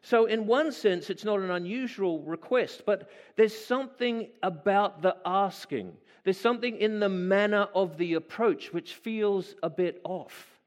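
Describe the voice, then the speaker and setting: A man with a fairly high voice delivers a sermon. He reads a scripture passage aloud, then talks it through in a relaxed, musing way, asking his listeners questions as he goes. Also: measured pace, few pauses, in a large hall. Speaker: preacher.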